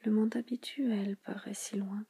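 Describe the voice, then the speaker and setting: A woman with a mid-range voice guides relaxation in a soothing spa whisper, delivered flatly. Her tone is very breathy and husky over a creaky fry, and she goes slowly and quietly, repeating gentle phrases and pausing frequently.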